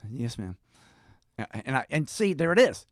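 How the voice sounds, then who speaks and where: Heard in studio-quality audio with no echo, the voice is an older man's, on the high side, sing-song and a little fast, with a Southern accent from Georgia in the Deep South. A professional storyteller and interview guest, he tells casual anecdotes, stopping and starting and voicing lines of dialogue.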